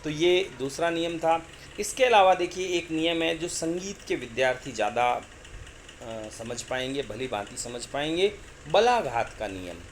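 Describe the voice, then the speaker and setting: A man lecturing as a college teacher, explaining verse rules slowly, repeating words and drawing out the lines of couplets he recites. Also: on the high side, animated, a little hiss or hum. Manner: slow, repeats words, chants couplets drawn out. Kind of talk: explaining Hindi poetics lecture.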